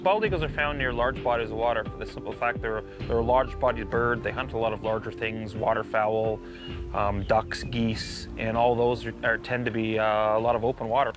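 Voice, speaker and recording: A man speaks as an expert in an unscripted interview. His voice sits at a middle pitch, with informal, slightly halting explanations. Faint music plays behind him. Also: fairly even intonation. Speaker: bird of prey expert interviewee.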